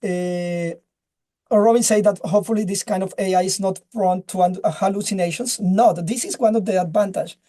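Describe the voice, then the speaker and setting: Casting note: a man with a mellow voice, halting and restarting on a video call. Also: sits high. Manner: halting, searches for words, many restarts. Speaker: webinar speaker. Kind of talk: casual presentation and chat.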